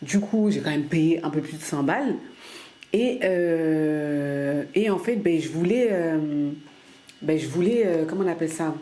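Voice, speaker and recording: A Frenchwoman talks casually to the camera in her weekly vlog, rambling with lots of fillers and restarts. Her voice is deep, mellow, and a little slow.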